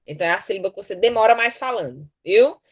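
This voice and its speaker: A Brazilian woman with a Brazilian Portuguese accent teaches an online class through a computer mic, explaining spelling rules patiently step by step. Her medium-pitched voice is animated and fast, with a breathy edge.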